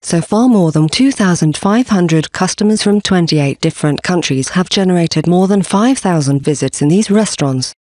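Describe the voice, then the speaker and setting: A man giving a scripted presentation for a company, reading slide contents and symbols aloud in a steady, even delivery. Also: sits high, normal speed, hardly any pauses, no room sound, studio quality.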